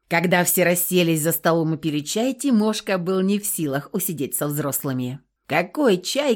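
A woman narrates an audiobook in a storytelling manner. Her pitch moves in a lively way. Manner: even, storytelling. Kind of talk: scripted narration.

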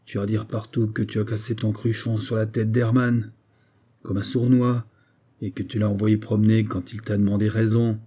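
Man putting on a brutal soldier, mocking, raised voice, dark husky tone, storybook reading. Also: lowish voice, little pitch movement, moderate pace. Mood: angry. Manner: jeering, raised and loud. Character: brutal hulking male grenadier, mocking and quarrelsome.

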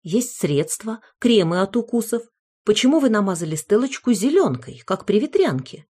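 A woman's voice: medium pitch, sing-song, moderate pace, darkish tone, breathy edge, pitched above the performer's own voice. A woman voicing a persistent young mother in an audiobook, questioning someone in an insistent way. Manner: insistent, interrogating.

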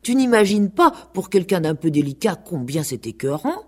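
Proud prim goose, read by a woman; haughty, disdainful, animated. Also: on the low side, moderate pace. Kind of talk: radio play reading.

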